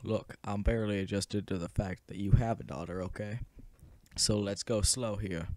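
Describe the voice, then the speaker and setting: A man's voice: on the low side, steady tone, normal speed, darkish tone, dry recording, close to an everyday voice. A man reading a blunt skeptical cop. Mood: exasperated. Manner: blunt, questioning, exasperated. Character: blunt, skeptical male cop searching for a lost girl. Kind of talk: amateur script read-through.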